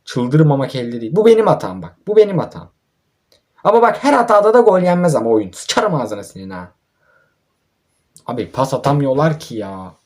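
A man's voice: on the high side, very animated, a little fast, darkish tone. A young man, giving exasperated, ranting commentary over a mobile football match and swearing at his own team. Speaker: mobile football gamer and YouTuber. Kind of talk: gameplay commentary.

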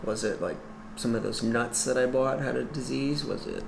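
A man in his thirties, sick and feverish, talking quietly with little energy while lying in a hotel bed. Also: normal speed, creaky, reverberant, background noise. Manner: quiet, low-energy talk.

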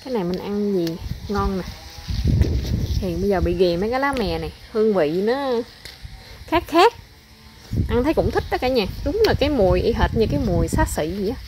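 A woman's voice: medium pitch, animated, brisk, long pauses, noisy background. A woman, chatting casually to viewers while picking in her garden. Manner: chatty, addresses viewers often. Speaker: vlogger, mother. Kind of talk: casual garden vlog chat. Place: outdoor home garden.

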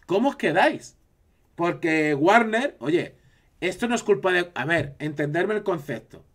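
A man's voice: high-pitched, expressive, unhurried. A man from Spain with a Spanish accent, chatting casually on a live stream and reacting to his chat.

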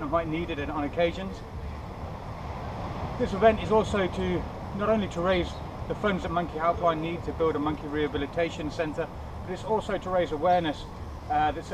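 A man in his thirties chatting upbeat to camera outdoors on a seaside promenade, with plenty of "uh" fillers. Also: fairly high pitch. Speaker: charity fundraiser. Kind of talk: casual vlog to camera. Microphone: action camera on a stand and handheld on a bike ride. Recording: distant camera mic, outdoor noise.

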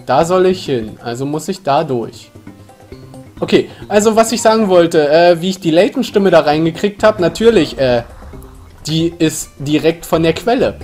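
Here the same sort of young streamer plays a video game, cracking jokes and puns over a headset mic in a small room as game music runs underneath. He talks at a normal speed in a slightly high, expressive voice, laughing a lot and now and then yelling at the game.

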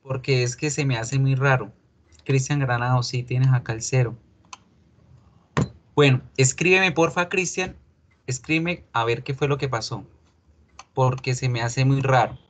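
A man's voice: medium pitch, a little slow, long pauses, slight background noise. A Colombian man with a congested, nasal voice, explaining things informally to his online class as their teacher and often checking they follow. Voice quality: nasal, stuffy nose. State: congested with a blocked nose. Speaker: English teacher. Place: online class call with screen share.

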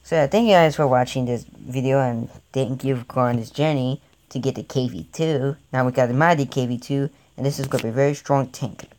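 A young man giving rambling, easily excited, jokey commentary over his own tank game session, recorded on a home mic. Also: mid-range voice, brisk, hardly any pauses. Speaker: gaming channel host.

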